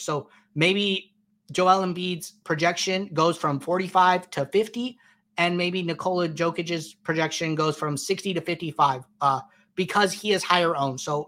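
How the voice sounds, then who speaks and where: Chatty man with a slightly high voice. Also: fairly bright tone. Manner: loose and chatty, many fillers and restarts. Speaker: host answering viewer questions. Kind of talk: casual live-stream Q&A explanation.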